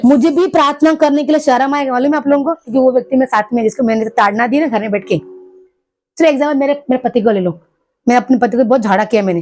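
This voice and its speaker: In a church hall, a middle-aged woman preaches a sermon in call-and-response style, saying hallelujah again and again and putting questions to the congregation. Her voice is on the high side with a darkish tone.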